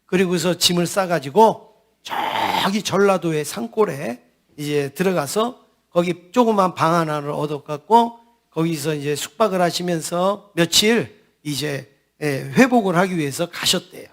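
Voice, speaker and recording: A man's voice: on the high side, lively intonation, a little slow, gravelly. A man preaching a New Year sermon as senior pastor. He tells a story, keeps turning to the congregation, and asks questions that he answers himself. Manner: storytelling, often turns to the congregation with "yes" and "everyone".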